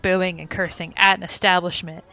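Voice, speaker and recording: A woman's voice: lowish voice, level tone, normal speed, creaky, sharp tone. A woman playing a tabletop game, talking casually and hesitantly with many fillers. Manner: hesitant, full of "like" and "uh". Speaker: player and co-host.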